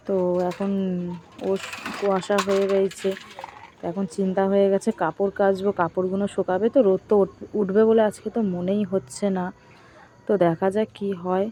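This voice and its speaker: A woman's voice: mid-range voice, dark tone. A woman in her thirties with a sore, strained throat, giving a chatty, rambling home vlog voice-over. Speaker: vlogger.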